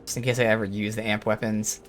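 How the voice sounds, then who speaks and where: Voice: mid-range voice, flat delivery, quick pace, faint music behind. A game streamer giving casual gameplay commentary, thinking aloud.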